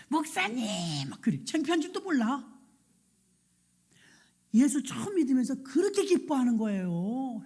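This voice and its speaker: A middle-aged woman pastor telling a lively story in a sermon, acting out the people she quotes. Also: a little high, husky. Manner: lively anecdotal storytelling, acts out quoted voices.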